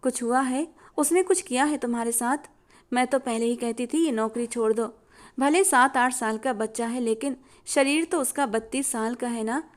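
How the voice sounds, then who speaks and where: A woman voicing a middle-aged, protective mother who questions in a rapid, anxious way. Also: fairly high pitch, lightly acted. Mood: alarmed.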